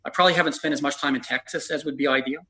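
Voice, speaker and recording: A man's voice: a little high, steady tone, racing, bright, forceful tone, rough recording. A middle-aged man from Canada answering interview questions in a rambling way, with frequent hesitations. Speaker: podcast guest, traveler.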